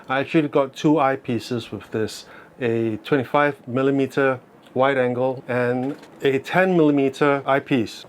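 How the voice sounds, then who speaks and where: A man with a mid-pitched voice talks with braces on, which slightly affects his articulation. He explains things in a casual, unscripted review style, often asking a question and then answering it himself. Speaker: amateur astronomy reviewer. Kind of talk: casual product review vlog.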